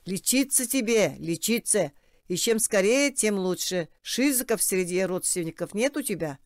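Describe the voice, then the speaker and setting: A woman's voice: mid-range voice, lively intonation, normal speed, no echo, clean studio sound, close to an everyday voice. A woman voicing a bossy man who presses with mocking questions. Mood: pushy. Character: bossy male interrogator, mocking, pushy.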